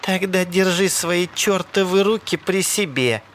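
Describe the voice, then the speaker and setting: A man voicing a reckless, cheerful young woman driver who talks in a high, gleeful, stubborn way. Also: big pitch swings, normal speed, a little hiss or hum. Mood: defiant.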